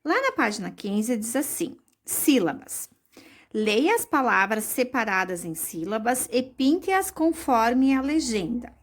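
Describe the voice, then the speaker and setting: A woman teaching young children a recorded lesson, explaining slowly and patiently, with many diminutives. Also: a little high, big pitch swings. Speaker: primary school teacher.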